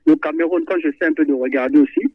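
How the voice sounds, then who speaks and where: This radio call-in listener talks football animatedly at a quick pace, his voice fairly high, repeating himself and hesitating a lot. The phone line sounds tinny, and the recording is dry.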